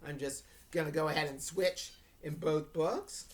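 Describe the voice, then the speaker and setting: A woman teaching English reads a novel aloud to her class in a low voice at a normal speed. The reading is dramatic, and she explains along the way and asks students questions to check they understand.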